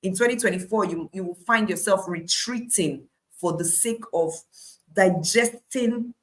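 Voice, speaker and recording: A woman's voice: medium pitch, measured pace, poor audio. A woman with a Nigerian accent preaching a devotional Bible study in an emphatic, declarative way, repeating phrases for weight.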